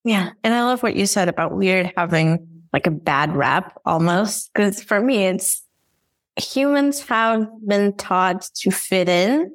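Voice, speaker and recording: A woman speaks as a guest in a casual podcast interview, enthusiastic and quick to laugh. Her voice sits at a middle pitch. The sound is dry and close, as on a video call. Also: expressive, no echo. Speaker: guest, brand designer. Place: room at home with red cabinet.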